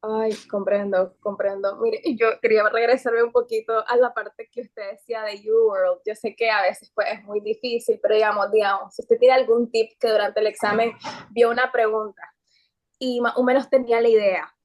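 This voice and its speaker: Polite Nicaraguan woman, slightly high voice. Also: little pitch movement, normal speed, lo-fi sound. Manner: polite, hesitant, many fillers and restarts. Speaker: audience participant asking questions. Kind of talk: casual interview questions.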